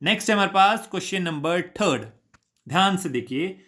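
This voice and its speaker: A man's voice: high voice, animated, normal speed, a bit bright. A man teaching an exam-prep grammar lesson, drilling students with repeated questions and answers.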